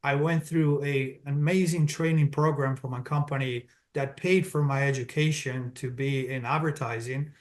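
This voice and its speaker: The speaker, a middle-aged Colombian man with the accent of Colombian Spanish, gives interview answers that explain matters step by step, orderly, steady and businesslike. He talks at normal speed in a mid-range voice with hardly any pauses.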